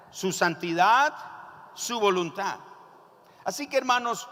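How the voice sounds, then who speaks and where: A pastor with a Nicaraguan accent delivers his sermon in an animated storytelling style, his fairly high voice rising and falling with wide swings. He calls on the congregation to repeat his phrases after him. The voice carries a long reverb from a large church hall. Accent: Nicaraguan Spanish.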